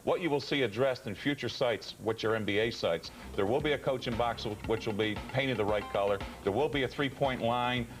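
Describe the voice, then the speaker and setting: A man's voice: mid-range voice, fairly quick, few pauses, faint music behind, poor audio. A man giving basketball analysis on a sports panel.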